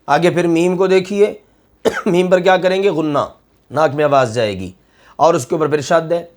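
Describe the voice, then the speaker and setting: A middle-aged man teaching Quran recitation step by step, patiently drawing out each example word. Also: on the high side.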